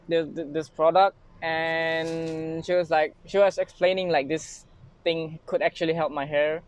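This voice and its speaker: Young man, Malaysian English accent, casual haul vlog in a parked car, phone held close, clear slightly high voice. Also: a little mellow. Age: young adult. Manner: rambling, self-mocking, lots of fillers and restarts. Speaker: vlogger. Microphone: phone camera held close.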